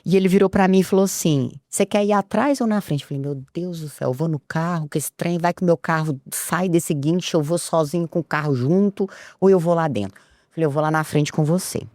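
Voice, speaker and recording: A woman's voice: brisk, mellow, no echo, studio quality. A woman, a podcast guest telling a personal story and acting out the dialogue. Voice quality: low voice. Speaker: interview guest.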